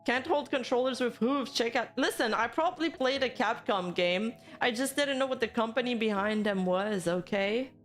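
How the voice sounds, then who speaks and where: A woman's voice: on the high side, expressive, normal speed, few pauses, soft background music. A woman hosting a livestream, chatting and commenting casually as she reacts to viewer comments. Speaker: livestream host.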